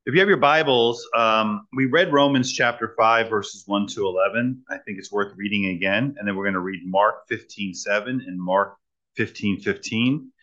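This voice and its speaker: A man preaching in short phrases and pausing for an interpreter, teasing the young people about a quiz. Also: fairly low pitch, sharp tone, lo-fi sound. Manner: pauses for translation, teacherly, jokes with young people. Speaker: guest preacher. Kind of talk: sermon with live interpreter.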